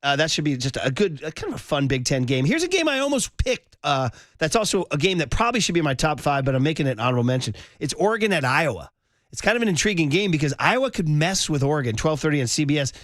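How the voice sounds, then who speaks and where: A man's voice: fairly high pitch, big pitch swings, fast talker, fairly bright tone, dry recording. A man hosting a sports radio show in a studio, chatting casually and joking while rattling off his weekend picks. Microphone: studio mic.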